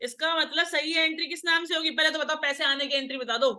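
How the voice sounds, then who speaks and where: A woman's voice: high voice, fast, pushed and bright. A woman teaching an accounts class, lecturing and drilling students with questions in a scolding, teasing way.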